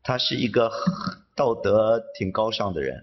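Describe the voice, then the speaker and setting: A man interpreting a sermon phrase by phrase, somewhat halting. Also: on the low side, lively intonation, muffled recording, a little hiss or hum.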